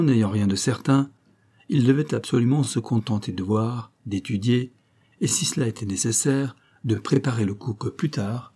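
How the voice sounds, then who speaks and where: A man reading a novel aloud as a steady, deliberate audiobook narration. His voice is low and mellow, with a husky grain.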